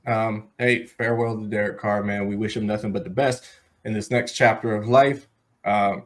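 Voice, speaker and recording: Conversational man hosting a sports podcast. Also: on the low side. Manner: conversational, addresses listeners directly. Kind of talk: casual sports commentary chat.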